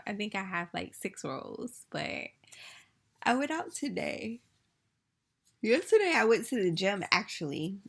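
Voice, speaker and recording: A woman's voice: mid-range voice, creaky, a bit bright. A woman vlogger chatting casually to her viewers, rambling with lots of fillers, a little sleepy. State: sleepy after wine.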